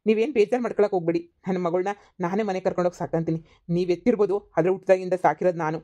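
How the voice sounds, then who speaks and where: A voice actor playing a sly middle-aged fake father, calm and persuasive. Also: medium pitch, rapid-fire, dull audio, close to an everyday voice.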